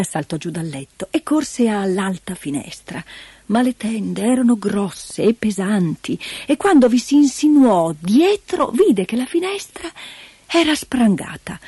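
A woman narrating a children's storybook in an expressive, gently paced storytelling manner. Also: medium pitch, breathy edge, no room sound. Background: background music.

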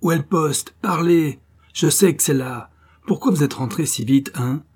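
A man's voice: on the high side, moderate pace, breathy edge, voice pushed up. A man voicing a brutal Nazi sergeant in an audiobook, barking questions in a raised, harsh voice. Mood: furious. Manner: barking, shouting interrogation.

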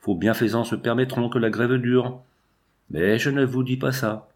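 A man's voice: mid-range voice, fairly even intonation, natural voice. Man reading as a cold, calculating strike leader. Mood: persuasive. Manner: measured, cool and persuasive. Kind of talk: audiobook reading.

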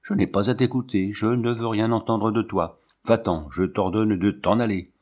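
A sharp, defiant young lion tamer from a storybook, speaking curtly and firmly in a low register, as a male reader puts her on. The tone stays plain and unadorned. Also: steady tone, moderate pace, lightly acted. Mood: commanding.

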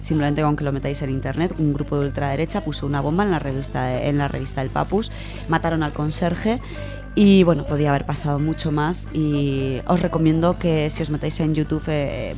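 Speaking briskly in a low voice with fairly even intonation, this Spanish woman from Spain hosts a casual biographical radio piece worked from notes. Her familiar, colloquial asides address the listeners directly, and music runs in the background.

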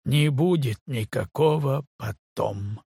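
A man voicing a broken young man who stammers and speaks slowly in an audiobook. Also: creaky, warm tone, husky, dry recording, clean studio sound, heavily acted. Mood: grim. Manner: stammering, slow and low.

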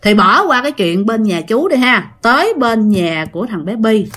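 With big pitch swings in a fairly high, slightly bright voice, a woman chats her way through a casual ghost story at a moderate pace, talking straight to her listeners.

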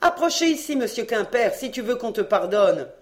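An audiobook reader voicing a bossy, loud-mouthed mother of a poor family who scolds and gives orders. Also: very animated, moderate pace, lightly acted. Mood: scolding. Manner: scolding, commanding, shrill. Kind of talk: audiobook reading, acted dialogue.

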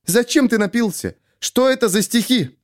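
A man plays a stern young policewoman, his voice lifted high. She scolds sharply, with sarcasm. Audiobook character. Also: sing-song, a little fast, a little mellow. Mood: scolding. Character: angry young woman police lieutenant, stern.

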